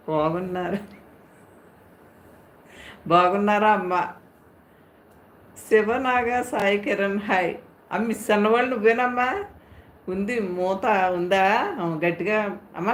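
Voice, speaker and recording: A woman hosting a live stream, chatting casually and teasing viewers as she reads their comments aloud. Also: mid-range voice. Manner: playful, teasing, talks straight to viewers. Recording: echoey room, faint background hum.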